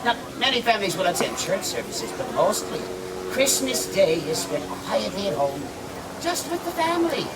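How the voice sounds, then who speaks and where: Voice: mid-range voice, sing-song, moderate pace, distant mic, lightly acted. A performer playing a jolly, mischievous Christmas gnome, teasing and exclaiming in theatrical live storytelling to a crowd. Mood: playful. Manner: playful, teasing, sing-song, exclaiming. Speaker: costumed storyteller. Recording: noisy outdoor crowd, voice from afar.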